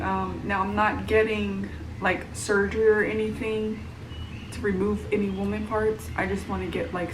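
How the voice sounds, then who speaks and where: Pregnant woman in her thirties, tired and rambling in a casual vlog, recorded at a distance in a roomy home with background noise. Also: medium pitch. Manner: rambling, many fillers and restarts. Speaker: vlogger. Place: at home, room with echo. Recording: roomy, from the mic, noisy home.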